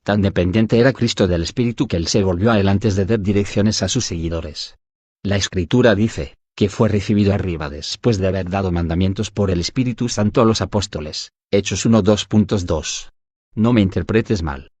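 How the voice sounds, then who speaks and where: A man narrating a devotional audiobook in an even, measured reading style. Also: low-pitched, husky, no room sound. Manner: even, measured reading that voices punctuation aloud.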